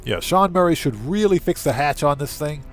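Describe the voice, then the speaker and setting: With faint music behind him, a man with a slightly high voice talks fairly quickly and with lively intonation. He's hosting his livestream channel, gaming while chatting casually, thinking aloud, and reading chat and screen text.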